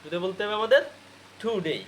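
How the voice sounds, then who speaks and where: A man's voice: sits high, fast, a bit bright, slight background noise. A man giving a spoken lecture on English pronunciation, asking each point as a question and answering it himself.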